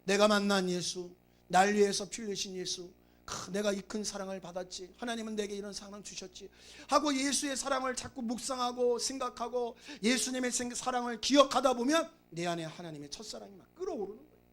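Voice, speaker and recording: A man's voice: high voice, fairly quick, a bit bright. A male pastor preaching a sermon, urging his congregation with emphatic repetition and stories. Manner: emphatic, repetitive exhortation with storytelling.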